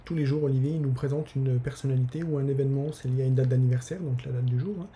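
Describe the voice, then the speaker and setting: A man talks casually into a desk mic on a live stream, stopping often to hesitate and restart. His voice is very dark and mellow. A faint hiss sits under the recording. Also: mid-range voice, steady tone, fast. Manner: hesitant, many fillers and restarts. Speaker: newsletter author hosting a live giveaway stream.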